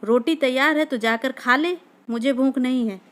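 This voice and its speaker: A woman's voice: high voice, moderate pace, fairly bright tone. A woman voicing a young village man who is sullen, hurt and irritable, with curt, bitter retorts.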